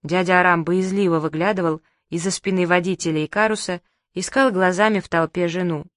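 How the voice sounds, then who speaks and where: A woman narrating an audiobook in a lively, humorous storytelling manner. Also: on the low side, a little fast, dry recording, studio quality.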